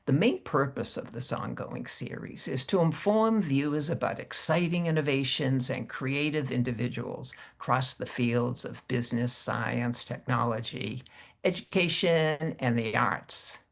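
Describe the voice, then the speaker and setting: Gravelly-voiced male interview host. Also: mid-range voice. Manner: formal, measured welcoming delivery. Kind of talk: interview over video call. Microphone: video call.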